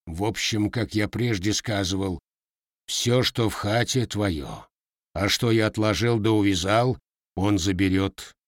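A man's voice: on the low side, no echo, studio quality, close to an everyday voice. A man reading a stern old grandfather who speaks firmly and unhurriedly. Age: older. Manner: firm, unhurried, old-fashioned speech. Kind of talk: audiobook character voice.

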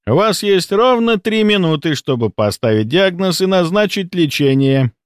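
A man voicing a smug, scheming middle-aged hospital chief who talks in a theatrical, mock-friendly, drawn-out way. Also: fairly high pitch, big pitch swings, no echo, clean studio sound, pitched above the performer's own voice.

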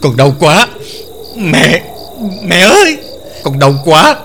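A man's voice: fairly high pitch, big pitch swings, slow pace, sharp tone, slight background noise, full character voice. A man voicing a terrified young girl who cries and pleads for her mother. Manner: screaming and pleading. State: crying.

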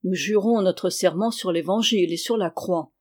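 A scheming medieval king from an audiobook, sly and irritable, voiced by a reader. He protests and wheedles in a mellow, warm tone, then turns curt. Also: mid-range voice, normal speed, close to an everyday voice. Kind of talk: audiobook character reading.

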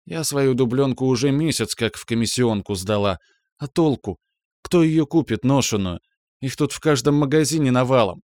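A man reading an audiobook, voicing a complaining middle-aged woman with a deep contralto. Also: lively intonation, normal speed, darkish tone, dry recording, clean studio sound, close to an everyday voice.

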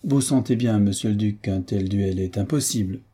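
Man reading anxious gentleman, insistent, pleading, husky dark voice. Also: lowish voice, moderate pace.

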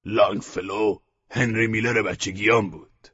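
An eccentric, wine-soaked male friend rambling odd fancies in a raised, bright, husky voice, as a man puts him on for an audiobook. The recording sounds dull and lo-fi. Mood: whimsical. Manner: whimsical, excitable, raises voice higher than the narrator.

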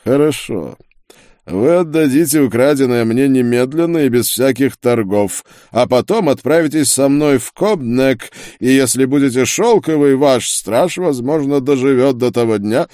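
A man's voice: medium pitch, moderate pace, warm tone, no echo, studio quality, voice pushed up, natural voice. A man reading an audiobook, voicing an arrogant duke and sorcerer who speaks in a cold, sneering and weighty way. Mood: cold arrogance. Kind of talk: audiobook character voice.

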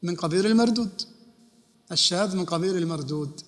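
High-voiced scholar in an echoing hall. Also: male voice, fast. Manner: explains rulings by raising and answering questions. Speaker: Islamic scholar. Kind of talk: religious lesson. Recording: long hall reverb.

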